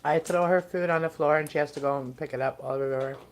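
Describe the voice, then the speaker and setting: A woman doing a casual mukbang, eating and talking to viewers in unhurried, stop-and-start remarks. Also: low voice, fairly even intonation. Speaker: mukbang livestream host.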